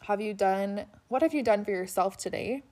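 A woman's voice: mid-range voice, darkish tone. Woman podcasting from under a blanket fort, chatty, laughs a lot, close mic. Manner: chatty, quick to laugh, filler-heavy. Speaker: podcast co-host. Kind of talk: casual chat.

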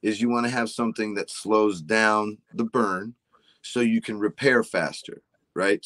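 A supplement company guest in his forties, whose voice is on the low side and a bit bright, explains health ideas casually without any room sound. He habitually tags his points with "right?"

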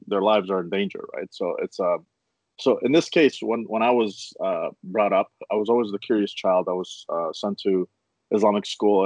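Host, male, from Afghanistan, lowish pitch, dry close sound, curious and searching in his phrasing. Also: darkish tone, dry recording. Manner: curious, thoughtful, with frequent restarts. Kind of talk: casual conversation.

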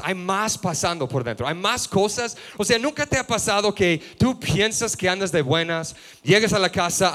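Hombre predicando en tono coloquial. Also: male voice, high voice. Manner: casual storytelling, slang-filled, many restarts and quiet asides. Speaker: pastor. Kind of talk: sermon.

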